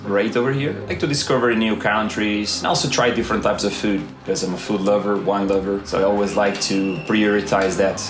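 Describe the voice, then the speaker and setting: A man's voice: lowish voice, steady tone, brisk, hardly any pauses, background noise. Easygoing man in a documentary interview. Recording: roomy echo with guitar music behind.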